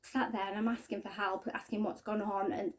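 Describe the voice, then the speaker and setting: A woman giving a halting, earnest personal testimony to camera, often trailing off quietly. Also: medium pitch, level tone. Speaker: spiking victim sharing her story.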